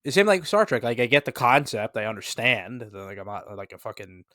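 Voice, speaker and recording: A man co-hosting a casual podcast, laid-back and joking, with quick agreeing interjections. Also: medium pitch, big pitch swings, sharp tone, dry recording, clean studio sound. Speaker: podcast co-host.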